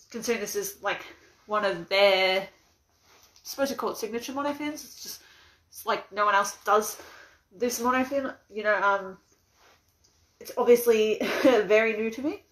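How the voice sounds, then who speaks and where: Streaming live on a phone propped against a mug in her cramped, cluttered bedroom, a young woman with an Australian accent chats casually and giggles while unboxing an item. She has a mid-range voice at normal speed and pauses often. The recording quality is low.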